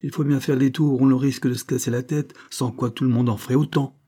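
A man's voice: mid-range voice, fairly even intonation, quick pace, dark tone, voice pushed up, lightly acted. A man voicing a brutal, bullying male fairground acrobat master who barks sneering orders. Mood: harsh, bullying.

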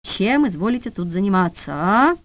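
A woman's voice: medium pitch, sing-song, normal speed, no echo, lightly acted. A woman voicing an angry, stern colonel who hisses and scolds, in a dull, dry studio recording. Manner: hissing, scolding.

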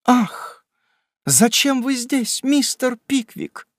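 A man voicing a frightened, tearful young lady in a very high, trembling, pleading voice. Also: sing-song, drawn-out words, dry recording, studio quality, heavily acted.

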